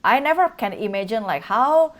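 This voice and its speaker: A woman's voice: fairly high pitch, big pitch swings, moderate pace. A woman from Indonesia, hosting a podcast interview in an effusive, enthusiastic way with hesitant phrasing. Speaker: podcast host. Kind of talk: casual interview conversation.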